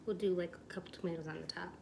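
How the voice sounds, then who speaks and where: A woman's voice: lowish voice, steady tone, racing, creaky, heavy background noise. A woman hosting a casual home cooking show, chatting enthusiastically to her viewers as she demonstrates a recipe in her kitchen. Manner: chatty, enthusiastic, addresses viewers as "you guys".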